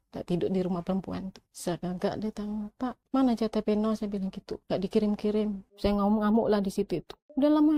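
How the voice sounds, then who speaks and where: Warm-voiced middle-aged woman telling her story. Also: mid-range voice, no room sound. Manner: retells arguments by quoting both sides in dialogue; conversational, with many restarts and asides. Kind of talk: casual personal storytelling.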